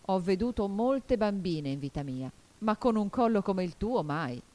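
A woman voicing a distraught male pigeon in a storybook reading, shrill, wailing and accusing. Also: expressive, normal speed, a little mellow, lightly acted. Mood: scornful. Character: frantic male pigeon guarding eggs, shrill and suspicious.

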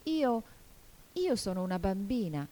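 A woman's voice: fairly low pitch, sing-song, moderate pace, warm tone. A woman voicing an earnest young girl in a storybook reading, exclaiming and protesting. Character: puzzled, earnest young girl in a fantasy world.

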